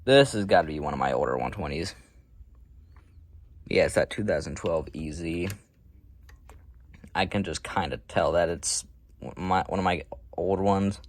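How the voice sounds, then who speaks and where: A hobby collector does a casual, unscripted show-and-tell in a low voice with no echo, speaking at a measured pace and pausing often. He's offhand and matter-of-fact, wandering into rambling asides.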